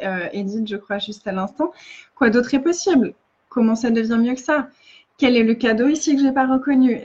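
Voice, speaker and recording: Husky woman coaching on a lo-fi live video. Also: on the high side, darkish tone. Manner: earnest, restarts often, repeats phrases. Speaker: facilitator.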